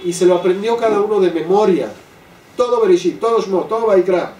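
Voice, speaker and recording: An older man leading a Torah class for a live group, often checking in with "¿sí?" and slowing down to stress key phrases. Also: high voice, mellow. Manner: keeps asking "¿sí?" to his listeners. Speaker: Torah teacher. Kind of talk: religious class lecture. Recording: echoey room, voice from a distant mic, faint background noise.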